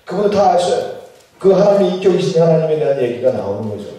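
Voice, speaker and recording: A man's voice: fairly high pitch, big pitch swings, fast talker, mellow. A male pastor giving a sermon at a church retreat, asking the congregation questions and leading them in reading scripture aloud. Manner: questions the congregation and leads group Bible reading. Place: large room with strong echo. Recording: echoey hall, voice from far off.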